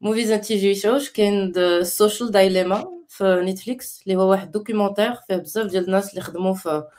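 A woman's voice: mid-range voice, quick pace, a little mellow. A woman with a Moroccan accent talking casually, mixing English and French terms into her Arabic. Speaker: panel participant sharing recommendations. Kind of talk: casual talk about design resources.

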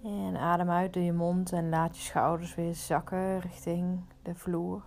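Slow, mellow woman guiding meditation. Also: on the low side, flat delivery, soft background music. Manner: soothing, unhurried instruction with pauses. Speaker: meditation guide. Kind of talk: guided meditation.

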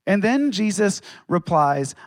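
A man preaches a sermon with a fairly high voice. He leans on dramatic pauses and acts out quotes. The sound is dry and close, with little room echo. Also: very animated. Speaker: pastor.

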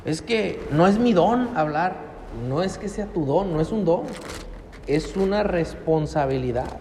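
A middle-aged pastor with a Mexican Spanish accent preaches a sermon in a church hall, his voice sitting high with a darkish tone, animated and at a measured pace. He's emphatic and full of rhetorical questions, with long church hall reverb and slight background noise in the recording.

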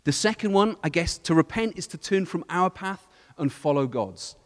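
A man from a church team explaining Bible passages in a relaxed discussion, often restarting phrases and quoting scripture. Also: on the high side, moderate pace, in a large hall. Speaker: church leader. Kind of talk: casual Bible study discussion.

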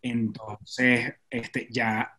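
A man's voice: mid-range voice, little pitch movement, drawn-out words, bright, forceful tone. A man from Venezuela, a pastor and actor, chatting easygoing as a podcast guest over a video call. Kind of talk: casual podcast chat.

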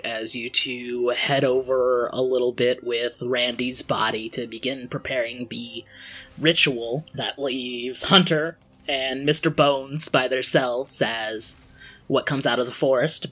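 A man's voice: medium pitch, bright, forceful tone, husky, low-quality recording. A man working as game master, narrating scenes and explaining rules casually. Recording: music playing behind the voice. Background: background music.

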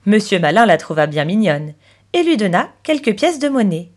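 A woman in her thirties with a gentle, expressive manner, narrating a children's story as the host. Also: mid-range voice, moderate pace.

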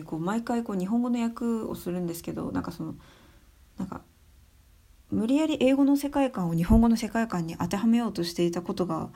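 A young adult woman giving her views in a casual spoken monologue, soft and thinking aloud with many fillers. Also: on the low side. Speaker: speaker sharing views on education.

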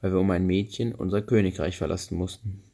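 A man's voice: sits low, steady tone, quick pace, dark tone. A man reading as Benjamin, a kind youngest brother. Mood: earnest.

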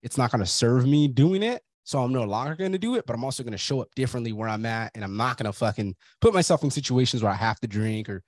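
A man's voice: medium pitch, animated, quick pace, few pauses, darkish tone, no echo. A young man hosting a podcast, telling stories in casual chat and swearing often. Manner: profane, storytelling, swears often. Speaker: podcast host.

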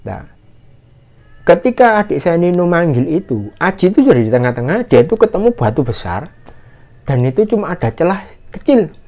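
A man telling a mountain story in casual conversation, acting out the shouted lines of others in a raised voice. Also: fairly quick. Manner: animated, acts out shouted quotes in a higher voice. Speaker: guest storyteller. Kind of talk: casual spoken horror story.

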